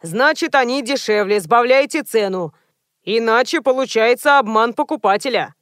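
A nitpicking, grumbling old grandfather in a storybook reading, voiced by a woman narrator. The voice comes across dry and close to the mic, in a fairly high register. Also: moderate pace, fairly bright tone, no echo, lightly acted. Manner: grumbling and pedantic.

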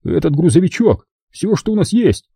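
A man's voice: fairly high pitch, very animated, normal speed, creaky, warm tone, slightly rough, no room sound, studio quality, voice pushed up, full character voice. A man voicing a cheeky, argumentative mover who complains indignantly.

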